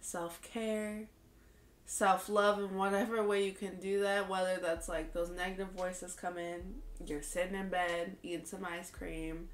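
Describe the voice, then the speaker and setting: A woman with a fairly low voice, slightly congested from a cold, gives a candid personal vlog to camera in her bedroom with hanging lights. She's in her late 20s and talks slowly, earnestly and expressively, laughing often, and the sound is reverberant.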